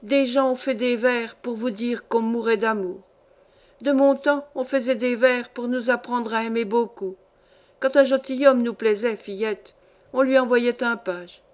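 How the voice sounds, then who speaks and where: A woman's voice: on the high side, fairly even intonation, measured pace, a little mellow, natural voice. A woman reading a story aloud, voicing an indignant, worldly old grandmother who lectures her granddaughter with scorn. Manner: scornful, lecturing, sweeping tirade. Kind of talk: audiobook reading.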